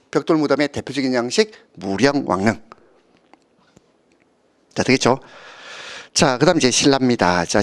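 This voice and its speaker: A middle-aged man teaches an exam-prep history class. His voice is mid-pitched and swings up and down with lively intonation as he checks in with the class through quick tag questions and sometimes acts out an anecdote. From Gyeongsang region of Korea. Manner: keeps asking students to confirm with short tag questions; tells anecdotes and acts out quoted speakers. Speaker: history lecturer.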